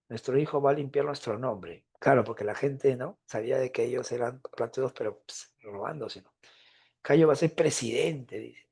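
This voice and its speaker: Gravelly man teaching literature. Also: a little high. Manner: animated storyteller, acts out characters, asks students questions. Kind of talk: classroom lecture retelling a novel.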